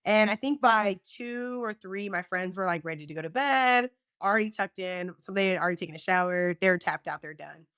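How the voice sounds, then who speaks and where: A woman chatting as a podcast guest, telling lively stories, swearing freely and acting out what people said. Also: medium pitch, a little fast, few pauses, clear, resonant tone, no echo, clean studio sound. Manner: animated storyteller, swears freely, acts out quotes. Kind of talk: casual chat.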